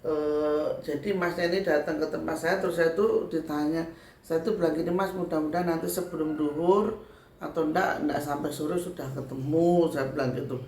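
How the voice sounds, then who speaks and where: A woman's voice: low voice, steady tone, normal speed, darkish tone, a little hiss or hum. A woman from Central Java with a Javanese accent, a spiritual medium chatting to her viewers in a casual storytelling way, looping back with filler tags. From Sragen, Central Java, Indonesia. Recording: echoey room with faint background ambience.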